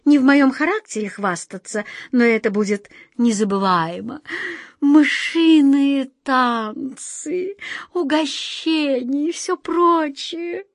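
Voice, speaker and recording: A woman's voice: medium pitch, expressive, moderate pace, hardly any pauses, dry recording, clean studio sound. A woman voicing a haughty, imperious female mouse queen in a storybook reading. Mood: gracious. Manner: commanding, condescending.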